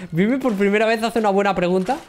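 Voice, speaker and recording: A man's voice: sits high, moderate pace, faint music behind. A man, streaming a game live, joking crudely and reading his chat aloud.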